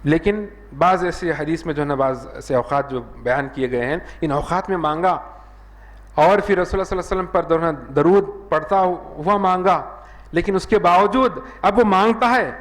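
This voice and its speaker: Hyderabadi preacher with a higher male voice. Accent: Hyderabadi Urdu. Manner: earnest, repeats "jo hai na" as a filler, raises his voice when acting out dialogue. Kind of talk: sermon.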